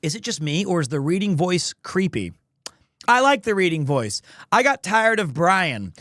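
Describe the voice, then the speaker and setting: A man's voice: high-pitched, sing-song, normal speed, fairly bright tone, no echo, studio quality. A man hosting a livestream, chatting casually with viewers in a rambling, playful way. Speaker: livestream host, amateur voice actor. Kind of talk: casual chat with stream viewers.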